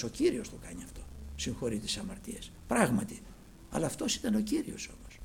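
A man preaching a sermon, swinging from loud cries to hushed near-whispers. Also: on the high side, gravelly, husky.

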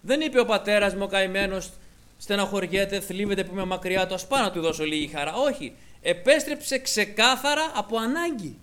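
High-voiced man preaching a fervent sermon. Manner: swings from fervent raised passages to hushed near-whispers; acts out quoted voices within the preaching.

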